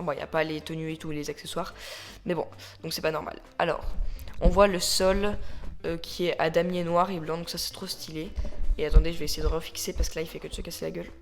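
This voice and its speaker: A toy reviewer talking casually into a phone camera at home, chatty and rambling, often correcting themselves and dropping English words into the talk. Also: medium pitch. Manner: mixes English words into French. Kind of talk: casual unboxing-style review. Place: at home with a ring light.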